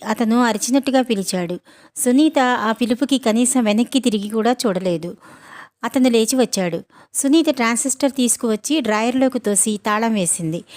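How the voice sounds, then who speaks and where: A woman narrating a novel as an audiobook reader, in an even storytelling manner. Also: on the high side. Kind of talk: novel reading.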